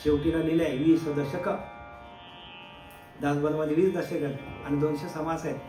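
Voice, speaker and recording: A man, a spiritual teacher, giving a devotional discourse. He asks rhetorical questions, answers them, and slowly chants verses. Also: fairly high pitch, little pitch movement, echoey room, over music.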